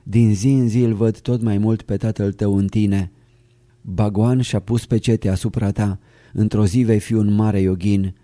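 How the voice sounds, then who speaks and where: A jolly older holy man, full of fondness, dwelling on each word of praise as a narrator voices him. The voice is low and very dark and mellow, dry and close. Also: steady tone, no room sound, natural voice. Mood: fond.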